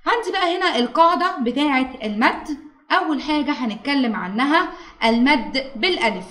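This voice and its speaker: Brisk high-voiced Egyptian teacher. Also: female voice, animated, a bit bright, roomy sound. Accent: Egyptian Arabic. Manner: coaxing, prompts with questions and praise. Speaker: primary school teacher. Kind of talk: interactive lesson with a pupil.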